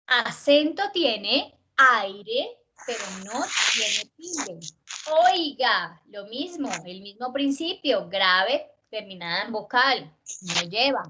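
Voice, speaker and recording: A woman teaching a writing class, drilling word stress slowly and patiently, stretching out each word she asks about. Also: fairly high pitch, lively intonation, noisy background. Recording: dull lo-fi class recording.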